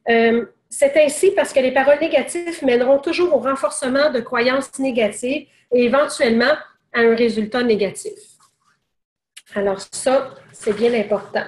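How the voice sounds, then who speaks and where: A woman leads a sales training session in a slightly high voice. She talks conversationally, restarting phrases and adding fillers as she goes. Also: normal speed, darkish tone, echoey room. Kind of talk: training seminar talk.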